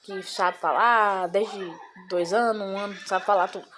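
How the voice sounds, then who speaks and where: A woman's voice: mid-range voice, steady tone, unhurried, fairly bright tone, a little hiss or hum. A young woman, a mother chatting to viewers in a rambling, emotional way and often calling them "gente". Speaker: mother vlogging about her son. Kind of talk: casual chat to viewers.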